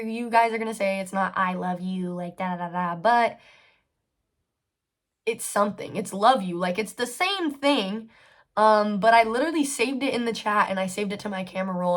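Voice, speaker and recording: A woman's voice: mid-range voice, fairly bright tone. A woman of twenty hosting a solo podcast, telling a personal story in a chatty, candid way, with lots of fillers and casual swearing. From United States. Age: 20s. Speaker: podcast host.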